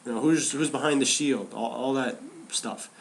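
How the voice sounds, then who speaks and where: A man's voice: mid-range voice, moderate pace, vocal fry. A man co-hosting a podcast, talking casually and animatedly about wrestling, often restarting and repeating phrases. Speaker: podcast co-host.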